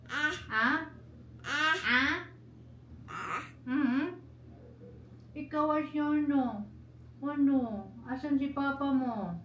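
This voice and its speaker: A woman in her thirties coos at babies in a high, bright, sing-song baby talk, slow and drawn out. She is recorded in an echoey room at home with a faint hiss behind her. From Philippines. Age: 30s. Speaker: vlogger. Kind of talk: casual home vlog, talking to babies. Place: family home, indoors.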